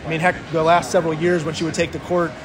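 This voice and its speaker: A male sports show co-host with a high voice talks casually and haltingly, often repeating himself. Clear urban outdoor noise runs behind him. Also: level tone.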